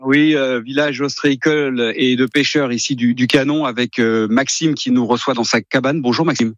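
A man's voice: medium pitch, fairly even intonation, moderate pace, no room sound, lo-fi sound. Reporter guy on a glitchy half robot line, dry sound, a bit hesitant. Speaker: field reporter. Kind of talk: live news report. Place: fisherman's hut by the water.

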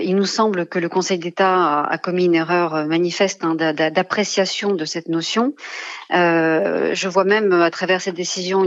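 A low-voiced woman lawyer speaks as a radio guest, stopping often to restart her sentences and filling gaps with hums. The sound is dry and slightly muffled, as if over a dull line. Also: dry recording. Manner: hesitant, many fillers and restarts, legal vocabulary. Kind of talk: radio interview answer.

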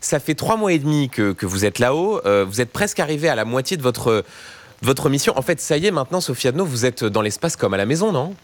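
A man's voice: medium pitch, big pitch swings, quick pace. A man interviewing live on radio, repeating words as he goes.

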